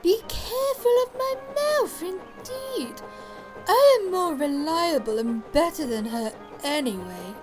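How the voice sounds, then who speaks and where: A man's voice: very high voice, lively intonation, takes it slowly, over music, pitched above the performer's own voice, full character voice. A man voicing a haughty old female steam lorry who boasts and looks down on others. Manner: boastful, snooty, then meek.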